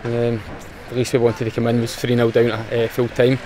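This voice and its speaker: A young Scottish footballer answers post-match questions outdoors in a matter-of-fact way, his pitch staying flat and even. Faint traffic and outdoor noise sit behind his voice. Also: fairly quick. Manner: plain, matter-of-fact, restarts with fillers. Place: outdoors in front of a sponsor board.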